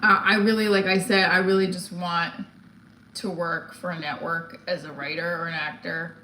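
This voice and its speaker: A woman in her forties, a stand-up comedian doing a livestream, speaks in a lowish, level voice at a moderate pace, with a pushed, bright quality. Her casual talk is blunt and candid, rambling and often abandoned mid-thought, and the room echoes with some background noise.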